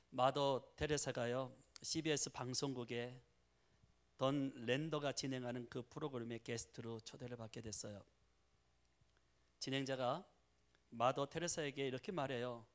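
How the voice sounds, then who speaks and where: Animated Korean pastor preaching. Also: male voice, medium pitch, unhurried, long pauses. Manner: animated, engaging the congregation with rhetorical "예?". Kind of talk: sermon.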